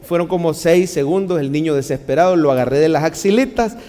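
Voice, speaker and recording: A man preaches a sermon in a high voice. He moves between hushed and forceful passages. A long reverb from the large hall trails behind his words. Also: a little fast. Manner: impassioned, swinging between hushed and loud. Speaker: pastor.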